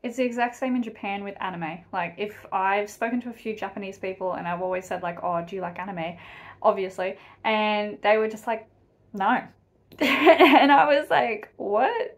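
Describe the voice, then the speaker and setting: A woman's voice: mid-range voice, moderate pace. An Australian woman hosting a reaction video, chatting in a casual, emphatic way.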